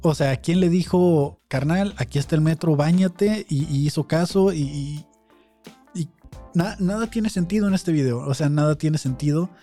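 A podcast host with a Mexican Spanish accent and a mellow, highish voice reacts to videos at a normal speed, chatting casually and incredulously with many fillers. He's on a close studio mic, with faint music behind him.

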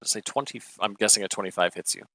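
A man's voice: lowish voice, fast, sharp tone, no echo. A man running a tabletop game as game master, narrating loosely with many fillers.

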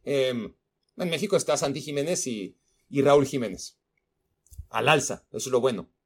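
A man's voice: mid-range voice, expressive, normal speed, breathy edge. A man giving casual, opinionated football analysis on a podcast, emphatic at times.

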